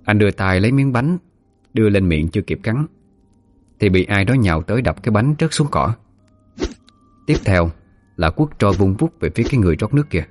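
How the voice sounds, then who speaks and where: A man's voice: on the low side, lively intonation, fairly quick, long pauses, darkish tone, no echo, faint music behind. A man narrating a ghost story vividly.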